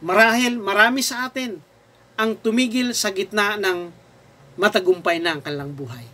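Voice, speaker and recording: A man's voice: sits high, normal speed, bright, forceful tone. A man preaching a sermon as pastor, with a Filipino accent. He reads scripture aloud and speaks straight to the congregation as sir, ma'am, ate and kuya.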